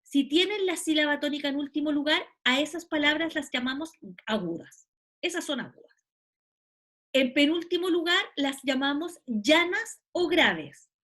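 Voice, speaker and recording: High-voiced woman lecturing. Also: lively intonation, moderate pace, a bit bright. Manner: explanatory, with frequent checking tags. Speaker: university lecturer. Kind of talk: recorded online lecture.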